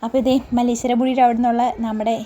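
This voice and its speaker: A woman's voice: fairly high pitch, flat delivery, rapid-fire, mellow, slight background noise. A woman vlogger narrating her day in a rambling, chatty voice-over, full of tag words.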